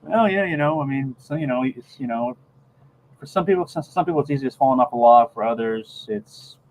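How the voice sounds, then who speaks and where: A middle-aged man chatting casually on a video call, rambling and halting, often repeating words as he gathers his thought. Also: medium pitch, darkish tone. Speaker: podcast co-host. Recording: dull lo-fi video call, faint background noise.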